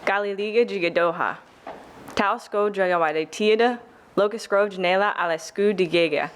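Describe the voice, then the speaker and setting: Woman in her twenties from Oklahoma, mid pitch, reciting a short formal introduction. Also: normal speed, slight background noise. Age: 20s. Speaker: bike rider introducing herself.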